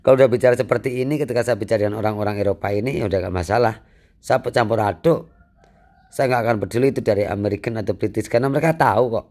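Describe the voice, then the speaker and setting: Male English teacher, animated lecture delivery, asks and answers his own questions. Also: lowish voice, rapid-fire. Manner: repeats key phrases for emphasis. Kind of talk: free online English lesson.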